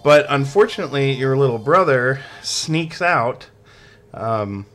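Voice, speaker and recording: Lively intonation and a slightly bright, medium-pitched voice mark this man's casual video game review voice-over, delivered at a measured pace. He sounds amused and sarcastic, chatting with many fillers and breaking into laughter often.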